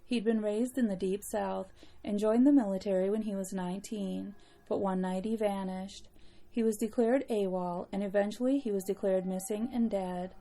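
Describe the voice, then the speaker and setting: A woman narrating a scripted spooky story as a horror host, in a measured, deliberate storytelling manner. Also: mid-range voice, steady tone, dark tone.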